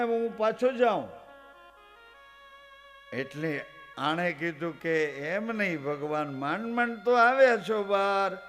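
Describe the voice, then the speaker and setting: A high-pitched man delivers a devotional sermon, telling a story and acting out the characters' calls. The live program recording has faint music behind him. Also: a bit bright. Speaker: preacher.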